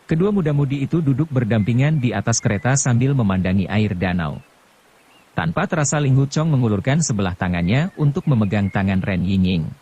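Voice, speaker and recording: A man narrating a martial arts novel as an audiobook, in a steady, calm storytelling manner. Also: mid-range voice, fairly quick, a little hiss or hum.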